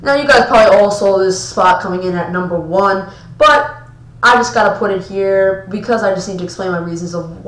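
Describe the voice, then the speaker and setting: A woman's voice: mid-range voice, reverberant, poor audio. A woman hosting a casual gaming list video, rambling and often stumbling over her words. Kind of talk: casual ranked-list commentary.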